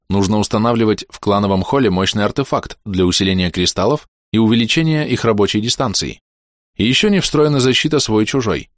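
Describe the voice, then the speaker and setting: A man narrating a first-person fantasy audiobook in a measured, wry storytelling manner. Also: lowish voice, no room sound, studio quality.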